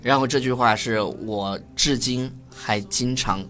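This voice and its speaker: A man's voice: mid-range voice, a little slow, fairly bright tone. A man hosting a casual lesson chat, playful and laughing often as he repeats phrases after his partner. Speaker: host.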